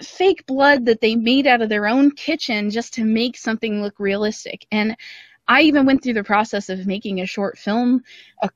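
Here she speaks at a moderate pace in a slightly high voice, the dry recording carrying her self-deprecating, rambling chat. She's a young audio drama creator being interviewed casually on a podcast, phoning in from a dry room. The band-limited call sound is a little dull.

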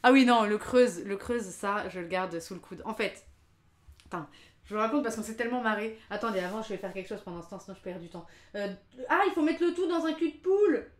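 A woman's voice: medium pitch, lively intonation, fairly quick. Chatty young woman cooking in an echoey kitchen. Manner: chatty, self-mocking, laughs often. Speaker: streamer cooking live. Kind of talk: casual live-stream chat while cooking. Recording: roomy kitchen with faint clatter.

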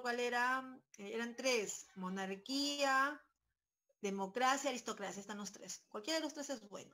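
A woman's voice: fairly high pitch, fairly bright tone. A woman with a Peruvian Spanish accent teaching a civics class online from home, checking in with her students through constant tag questions. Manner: talks to students with many tag questions and fillers. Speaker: pre-university civics teacher. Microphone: headset.

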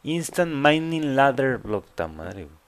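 A man's voice: medium pitch, very animated, unhurried, vocal fry. A man with a Mexican accent giving casual, joking let's play commentary full of crude slang. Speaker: gamer host.

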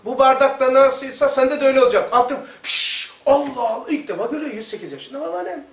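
A man with a very high voice gives an informal religious lesson, spinning colloquial, joking anecdotes and laughing at his own stories. He sounds well away from the mic, and his voice rings around an echoey room. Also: quick pace, vocal fry, distant mic. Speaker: religious lecturer.

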